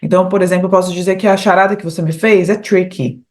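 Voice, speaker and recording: A Brazilian woman with a Brazilian Portuguese accent, teaching English in an online lesson. She explains patiently, repeats English phrases slowly and often adds "né?" and "tá?" at the end of her phrases. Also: fairly low pitch, steady tone.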